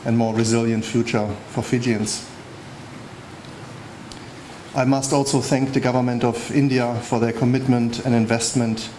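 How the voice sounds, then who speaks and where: A man speaking as an international official, delivering a formal prepared speech in a measured way at a public event. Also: medium pitch, a little mellow. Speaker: United Nations official giving a speech. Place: public launch event venue. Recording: faint background noise at event.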